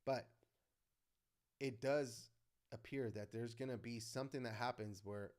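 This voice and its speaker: A man's voice: mid-range voice, steady tone, unhurried, a little mellow. A middle-aged man hosting a livestream, talking in an impassioned, preachy way and acting out quotes. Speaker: livestream host. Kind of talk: casual political livestream monologue.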